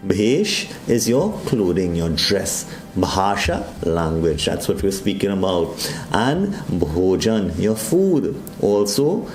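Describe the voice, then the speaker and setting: A man from Trinidad and Tobago preaches a devotional talk to his morning radio audience, very animated yet taking his time. His voice is low and mellow with sudden high swoops, and it rings in an echoey space.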